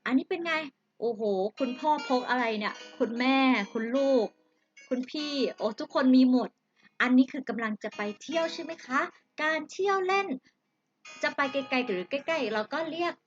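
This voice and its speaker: A woman with a high-sitting voice, captured in dull audio, teaches Chinese vocabulary to children. She is patient, stretches out every syllable and speaks to the kids directly, running a slow lesson built on repeat-after-me drills.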